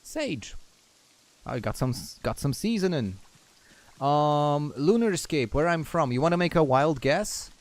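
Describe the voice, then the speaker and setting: A man's voice: a little high, very animated, a little slow. A man from Poland chatting casually with viewers while streaming a game, laughing often and trailing off mid-thought. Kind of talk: casual chat while gaming.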